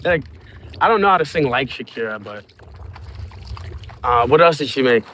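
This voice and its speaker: Out on open water in a small boat, this Cuban man chats with his livestream viewers by phone in an animated, slightly bright mid-range voice at normal speed. His talk is profane, meandering, and stoned.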